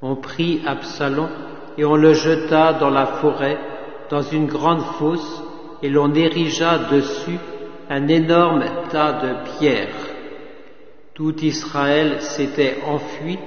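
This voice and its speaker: A man reading scripture aloud at a liturgical office, measured and solemn, sometimes slipping into chant. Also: a little high, steady tone. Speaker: liturgical reader. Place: chapel or church. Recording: reverberant church, dull lo-fi sound.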